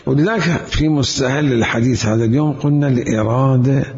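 A man's voice: mid-range voice, fairly quick, darkish tone. A man giving an Islamic jurisprudence lecture, asking rhetorical questions and repeating key words for emphasis. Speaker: seminary teacher. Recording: echoey hall, dull lo-fi sound.

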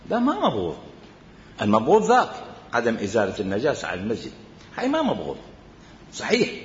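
A man's voice: on the low side, a little hiss or hum. A man with an Iraqi Arabic accent teaching a jurisprudence lecture, emphatic and repeating his points. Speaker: religious studies teacher. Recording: roomy hall reverb, dull lo-fi.

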